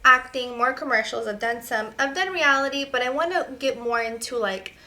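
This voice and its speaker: Her voice is a little high and sharp, her speed normal: a young Serbian model with no accent, chatting casually as an interview guest. The talk is chatty and filler-heavy, with "like" turning up again and again.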